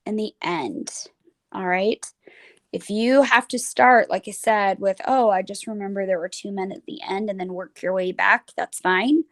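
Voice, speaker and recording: A young woman teaching a children's phonics lesson, chatting casually and saying "like" a lot as she draws. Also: medium pitch. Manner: casual, chatty, says "like" often while drawing.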